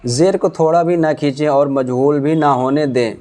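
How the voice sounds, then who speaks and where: A man teaching Quran reading in a slow drill lesson, patiently spelling out letters and vowel marks syllable by syllable. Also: a little high, dark tone.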